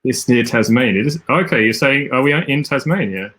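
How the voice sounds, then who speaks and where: A man's voice: medium pitch, expressive, normal speed, pushed and bright, breathy edge. An Australian man casually commentating a livestream while he plays, rambling and thinking aloud with frequent self-corrections. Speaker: game design streamer.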